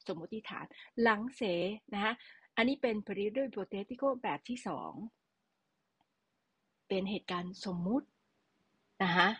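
A woman's voice: medium pitch, takes it slowly, pauses often, fairly bright tone, breathy edge, no echo. A woman teaching a language lesson, patiently explaining and repeating key words for her students.

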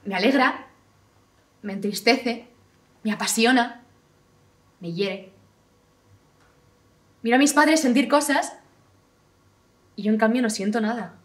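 Actress doing a numb detached young woman, hushed flat talk, mic kinda far off. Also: on the high side, slow pace, pauses often. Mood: wry, reflective. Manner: quiet, hushed and detached delivery. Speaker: actress in a stage monologue. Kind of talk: theatrical monologue. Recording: voice from a distant mic.

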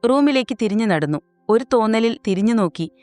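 A woman narrating a romantic story in a soft, even reading voice. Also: fairly high pitch, brisk. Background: faint music.

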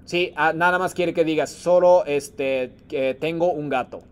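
This man's voice is a little high, clear and resonant, and he speaks somewhat slowly. In an online lesson, he teaches Japanese using Spanish, calling patiently on each student by name and slipping Japanese phrases into his explanations.

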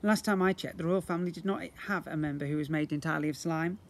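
Here a man in his fifties tells a story to young children in an animated read-aloud, acting out the sound effects. He's a fast talker with a slightly high voice. A phone or camera at roughly arm's length captured him outdoors beside brick houses.

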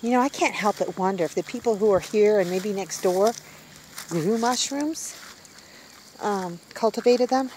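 Walking through the woods with her handheld phone camera, a woman in her fifties keeps up a chatty, wondering vlog. Her voice is medium in pitch and darkish in tone, at a normal speed, with a little hiss or hum behind it.

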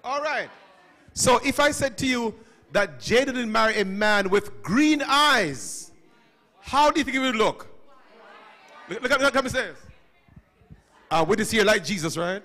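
A middle-aged man leads an interactive session with students in a school chapel, holding a microphone. His high voice is unhurried and often pauses, and he animatedly asks questions and picks listeners to answer.

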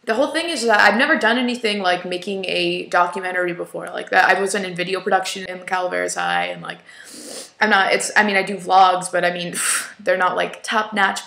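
A young woman talks casually to her camera, rambling and peppering her sentences with "like." Her voice is bright and tense, with noticeable fry at the ends of phrases. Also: fairly low pitch, steady tone, a little fast, reverberant. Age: young adult. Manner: chatty, rambling, many "like"s. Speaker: vlogger. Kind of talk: casual vlog chat.

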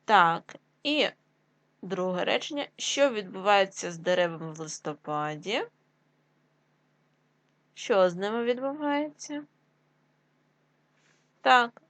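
Slow, deliberate woman teacher, dry sound. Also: medium pitch, a bit bright, dry recording. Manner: drills word pairs, rising on each choice and dropping on the answer; slow and deliberate, with pauses for writing. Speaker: primary school teacher. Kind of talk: dictation-style lesson.

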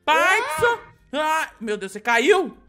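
A young man with a Brazilian Portuguese accent hosting a playful Minecraft roleplay, animated and whiny. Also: extremely high pitch, fast talker, faint music behind. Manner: animated, jumps between whining and joking.

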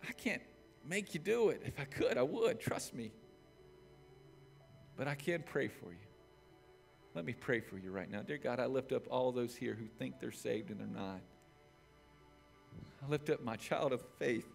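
A man in his forties preaching a sermon from a church stage as pastor, with impassioned delivery that swings between raised, shouted points and hushed, quiet prayer. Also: medium pitch, lively intonation, measured pace, vocal fry, long pauses, faint music behind.

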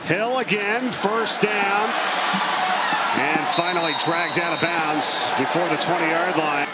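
A man's voice: a little high, slow. A man calling live American football play-by-play in projected, punchy short phrases. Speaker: play-by-play sports commentator. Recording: loud crowd and stadium noise. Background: roaring stadium crowd.

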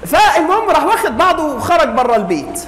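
A man's voice: very high voice, very animated, fast, fairly bright tone. A middle-aged man with an Egyptian Arabic accent teaching like a wise mentor, giving advice with humour and acted-out examples in a public lecture. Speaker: family-studies teacher giving a religious lesson. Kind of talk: animated public lecture in colloquial speech. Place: indoor hall, speaking to an audience. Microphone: clip-on lapel microphone. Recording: echoey hall with faint noise.

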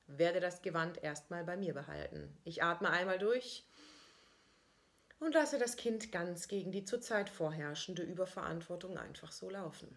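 A woman's voice: lowish voice, animated, normal speed, creaky. A woman reading her own first-person diary-style story aloud in a dry, ironic manner.

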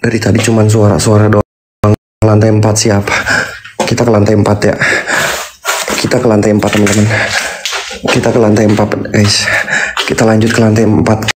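A young man with Indonesian slang and Sundanese touches hosting a ghost-hunting vlog in an abandoned building, loudly taunting spirits and muttering Islamic prayers between lines. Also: fairly low pitch, completely flat delivery, normal speed, long pauses, a little hiss or hum. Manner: taunting and shouting challenges at spirits; muttering Islamic prayers under his breath. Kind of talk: casual horror exploration vlog.

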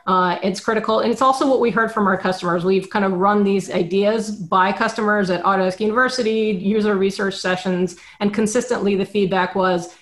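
A woman in her thirties, a product manager, explaining points in order on a video call from a dim room at home. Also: medium pitch. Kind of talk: panel discussion on a video call. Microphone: webcam on a video call.

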